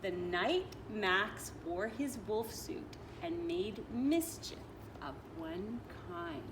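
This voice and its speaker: A woman reading a picture book aloud like a teacher, expressive, stretching and stressing her phrases for children. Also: medium pitch. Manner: expressive, drawn-out phrasing with emphasis. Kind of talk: animated children's storytelling. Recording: distant mic with clear background noise.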